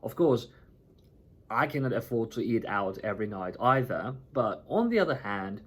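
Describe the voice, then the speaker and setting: A man's voice: fairly low pitch, big pitch swings, moderate pace, a bit bright, slightly rough. A man from Turkey talking casually to the camera as a vlogger, chatty and often checking in with "right?" and "you know".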